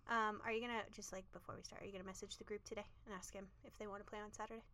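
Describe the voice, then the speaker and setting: A woman co-hosting a podcast in casual chat, playful and giggly with quick quips. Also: medium pitch, little pitch movement, pushed and bright. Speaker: podcast co-host.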